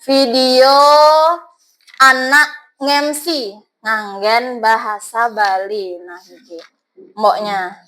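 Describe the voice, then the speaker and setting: A woman's voice: fairly high pitch, extremely slow, bright, forceful tone, faint music behind, poor audio. A woman teacher with a Balinese accent, coaxing her students with questions as she teaches a class.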